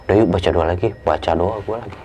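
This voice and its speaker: A young storyteller guest tells a story casually in coarse slang, talking fast in a low voice. When he acts out what was said, he jumps to a loud, raised voice, and the sound is lo-fi.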